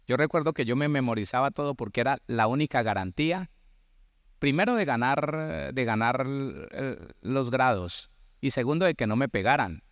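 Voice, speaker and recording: A man in his sixties with a Colombian accent, preaching a sermon that retells personal stories in an animated way, with repetition and acted-out dialogue. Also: mid-range voice, moderate pace, no echo, studio quality. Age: 60s. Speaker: pastor.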